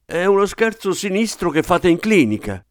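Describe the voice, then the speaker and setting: A man's voice: sing-song, normal speed, no echo, clean studio sound. A man doing a frantic young father. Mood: outraged. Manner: shrill, near-shouting in panic.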